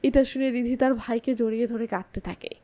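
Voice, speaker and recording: A woman narrates a film recap in a high, clear voice. She moves briskly through the plot and gives the characters' lines a touch of emphasis without fully acting them. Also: fairly even intonation, dark tone. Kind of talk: movie recap narration with quoted dialogue.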